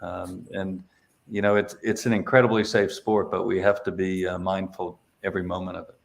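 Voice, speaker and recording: A man's voice: deep voice, flat delivery, normal speed, creaky. A middle-aged man, a paramotor instructor, telling stories in a casual interview, with lots of fillers and restarts. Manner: hesitant, many fillers and restarts.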